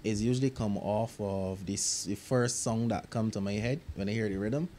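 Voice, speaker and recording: A young Barbadian music producer, interviewed in a recording studio, speaks at normal speed in a lowish voice. His talk about his work is casual and reflective, sometimes shifting into local grammar, and a little hiss or hum can be heard.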